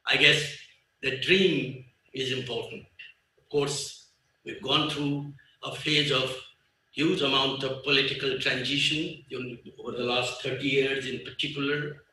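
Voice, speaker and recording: A man in his sixties from Nepal with a Nepali accent, giving a guest speech at a business conference in a large hall. He is emphatic, repeats his key phrases and pauses with fillers. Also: mid-range voice, fairly even intonation, bright, forceful tone, slight background noise. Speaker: business leader, guest speaker. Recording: echoey hall, voice far from the mic.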